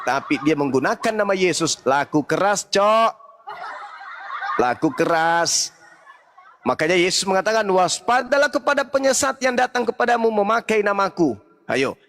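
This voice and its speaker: Mocking high-pitched man debating. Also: a bit bright, long reverb tail. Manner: mocking, preachy, mimics shrill cries for help. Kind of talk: heated interfaith debate.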